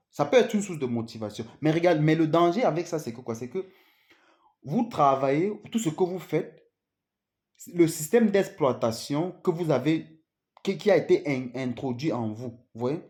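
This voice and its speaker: A man with a slightly high, expressive and somewhat mellow voice gives an unscripted motivational talk at a normal pace. He addresses the listener earnestly, keeps asking "vous voyez?" ("you see?"), and stammers as he restarts his sentences.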